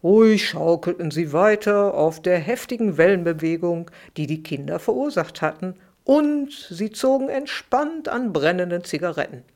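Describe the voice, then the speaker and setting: A middle-aged woman, a children's author, reading her own bedtime story aloud for a podcast in a lively, expressive way. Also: fairly low pitch, normal speed, few pauses.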